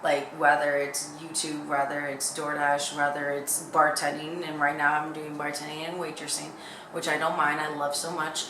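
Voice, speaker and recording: Speaking at a moderate pace in a low, level tone, a young YouTuber chats casually like a vlogger, her candid talk jumping between thoughts. Faint background noise and echo come from the room.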